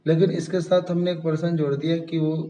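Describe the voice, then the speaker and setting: Male tutor, dark mellow tone, patient repetitive delivery, echoey slightly dull recording. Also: a little high, flat delivery, a little fast. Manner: patient, repeats key terms, frequent "ठीक है" checks. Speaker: English grammar teacher. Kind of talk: step-by-step classroom explanation.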